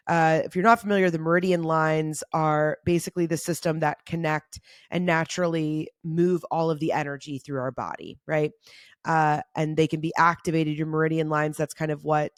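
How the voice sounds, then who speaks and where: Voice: mid-range voice, no room sound, clean studio sound. A podcast host giving a casual, informal spiritual talk and guided reflection, thinking aloud in a conversational way.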